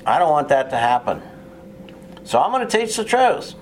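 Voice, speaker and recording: A man's voice: a little high, big pitch swings, moderate pace, a little hiss or hum. A man preaching a sermon in an earnest, plain way, with touches of sarcasm and frequent restarts.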